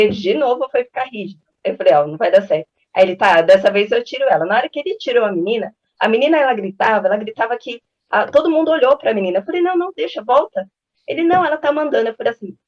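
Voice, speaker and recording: A woman in her thirties from Brazil talks quickly and casually about raising children. She strings anecdotes together and acts out the quoted voices of the people in them. The recording sounds a little dull and lo-fi. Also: a little high. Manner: chatty, storytelling, acts out quoted dialogue. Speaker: parenting channel host. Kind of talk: casual advice talk with anecdotes.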